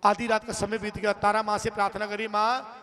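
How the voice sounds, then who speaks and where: High bright-voiced male kathavachak, hall reverb. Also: little pitch movement, fairly quick. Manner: dramatic storytelling, voicing characters, calling to devotees. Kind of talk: devotional story sermon.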